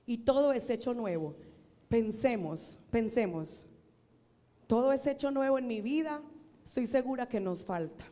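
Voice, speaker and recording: A woman's voice: sits high, darkish tone. An older woman with a Colombian accent preaching a sermon to a congregation, earnest, repeating phrases for emphasis and asking the congregation questions. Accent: Colombian Spanish. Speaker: church sister preaching. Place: church hall. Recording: long reverb of a church hall.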